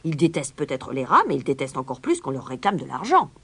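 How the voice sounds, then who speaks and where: A woman's voice: rumbling low, big pitch swings, fast talker, gravelly, fairly bright tone, breathy edge, exaggerated voice. A woman voicing a worried male town councillor in a storybook reading, speaking in a fretful hurry.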